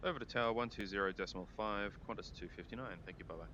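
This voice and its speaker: A man's voice: on the low side, very fast. A man making clipped airline-pilot radio calls into a cockpit headset microphone. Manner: clipped radio phrasing, relaxed between calls. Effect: pilot speaking into a cockpit headset mic. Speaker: flight simulator pilot. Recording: muffled headset mic with steady background hum.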